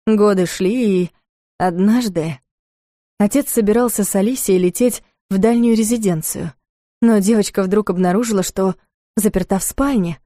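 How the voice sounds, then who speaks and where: Female audiobook narrator, soft and intimate, warm low voice, dry studio sound. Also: moderate pace, no echo.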